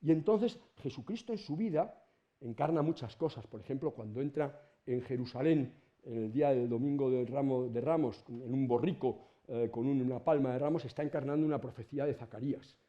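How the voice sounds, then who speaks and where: A middle-aged man with a Spanish accent from Spain, giving an informal lecture to students in a colloquial, animated way and swearing casually. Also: mid-range voice, brisk, highs cut off. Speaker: university lecturer.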